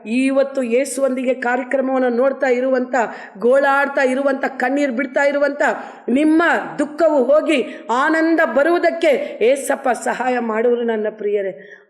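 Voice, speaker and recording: A woman's voice: sits high, darkish tone. A woman pastor preaching a devotional sermon and leading prayer in an earnest, repetitive way. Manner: earnest, repetitive address to listeners.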